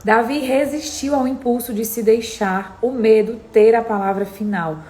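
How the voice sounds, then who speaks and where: A woman with a fairly high, darkish voice preaches a morning devotional at a moderate pace, emphatically repeating her exhortations to the listener. The recording is made in an echoey room with faint background noise.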